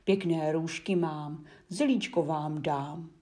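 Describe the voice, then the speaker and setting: A woman's voice: low voice, fairly even intonation, mellow, lightly acted. A woman voicing a sly hairy male wolf who pretends to be a mother goat, coaxing, in whispered role-play.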